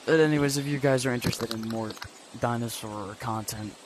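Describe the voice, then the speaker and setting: A man's voice: mid-range voice, fairly quick. A man hosting a casual homemade fan video, rambling with lots of fillers. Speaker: channel host and narrator. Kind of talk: casual fan video intro and role-play. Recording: noisy home recording.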